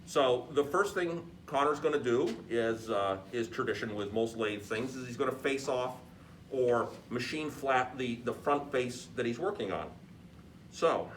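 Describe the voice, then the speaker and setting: A man's voice: mid-range voice, lively intonation, unhurried, fairly bright tone. Male shop instructor, experienced machinist explaining step by step, mid-range voice, noticeable background noise. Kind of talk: hands-on step-by-step shop demonstration. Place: workshop beside a lathe.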